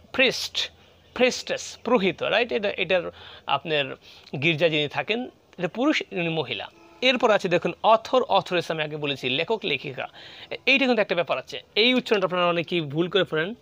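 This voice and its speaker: A man with a Bengali accent gives a classroom lecture on English grammar, explaining patiently and repeating example words aloud. His slightly high, sharp voice is captured in a muffled lo-fi recording.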